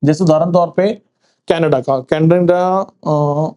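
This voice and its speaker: Man, teacher quizzing students, high voice, slow careful English reading. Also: fairly even intonation, dark tone. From Punjab, India. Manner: quizzing, asks then answers with "sir", slows for reading English facts. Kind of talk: classroom exam-prep lecture.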